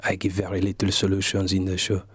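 A man playing a haughty deadpan Frenchman. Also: low-pitched, fast talker, husky, no echo. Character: aloof, pompous French gentleman comedian. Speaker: comedian guest. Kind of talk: in-character comic interview.

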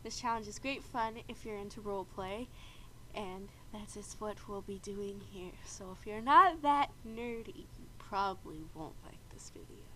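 A female video game host with a medium-pitched voice, congested after a bad cold, talks at a normal speed as she casually narrates gameplay and explains rules. She clears her throat frequently and stays chatty, with steady background noise on a low-quality recording.

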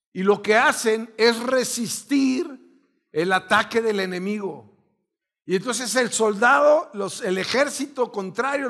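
A middle-aged man with a Mexican accent preaching a sermon as pastor, telling a story with animated energy and acting out shouted commands. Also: sits high.

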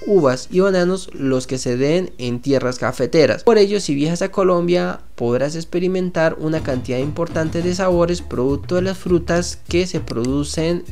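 As channel host, a man reads the script for a numbered-list video over stock footage, raising his voice each time a new item begins. His voice sits on the high side and is a little mellow.

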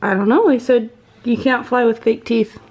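A woman's voice: a little high, moderate pace, a little mellow, breathy edge, lo-fi sound. A woman chatting casually in an amused, teasing way.

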